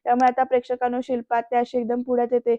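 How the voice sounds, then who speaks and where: A woman's voice: a little high, monotone, very fast, no room sound. A woman doing a casual voice-over recap of a TV serial, chatting directly to the viewers and acting out the quoted lines. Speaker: serial episode reviewer. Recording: dull dry lo-fi voice-over.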